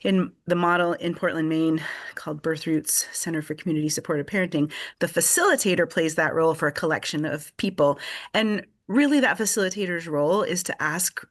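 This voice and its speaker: Woman, low voice, thoughtful explainer, video call guest, fillers and restarts. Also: fairly quick. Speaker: article contributor. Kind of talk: conversational panel discussion.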